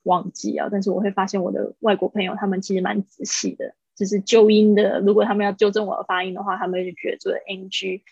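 A woman teaching English pronunciation on a livestream, explaining patiently and repeating words slowly for her students. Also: mid-range voice, flat delivery, vocal fry, a little mellow, slightly rough, dry recording, muffled recording.

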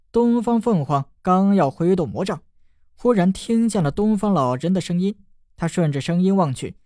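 A man's voice: sits high, a little mellow, no room sound, studio quality. A man narrating a fantasy novel as an audiobook, stretching out the particles at the ends of his sentences in a storytelling way. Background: faint background music.

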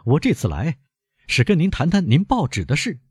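A man's voice: on the high side, wildly swooping pitch, normal speed, darkish tone, breathy edge, dry recording, clean studio sound, pitched above the performer's own voice, full character voice. A man reading an audiobook, voicing a proud young viscount who firmly demands a correction. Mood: insistent. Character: indignant young male viscount, insistent. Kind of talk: audiobook character voice.

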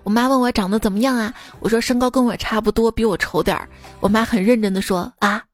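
Chatty woman host with soft music under her. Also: fairly high pitch, fairly even intonation, fast. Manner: chatty, teasing, laughs at the jokes. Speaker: podcast host reading listener jokes. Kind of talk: casual comedic reading.

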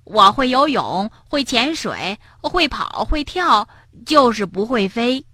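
Dreamy little frog for a picture book, read by a woman: raised pitch, wide-eyed and exclaiming, breathy. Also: sing-song, unhurried, bright, forceful tone, no echo, clean studio sound, exaggerated voice. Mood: wondering. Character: carefree, dreamy young frog, easily impressed.

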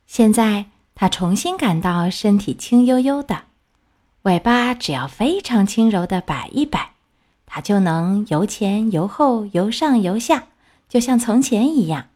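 A woman reading a children's story aloud, gentle and expressive. She takes her time over every phrase, and her voice rises and falls widely. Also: mid-range voice, measured pace.

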